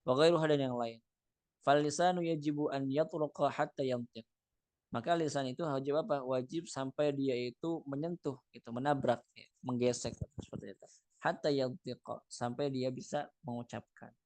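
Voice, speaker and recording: A man teaching a recitation class at an ordinary middle pitch. He reads Arabic lines and then unpacks them in a loose, conversational way, searching for words as he goes. The sound is dry, with no room echo. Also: steady tone, brisk, darkish tone. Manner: reads phrases in Arabic, then explains them casually with fillers. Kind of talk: explaining a text line by line.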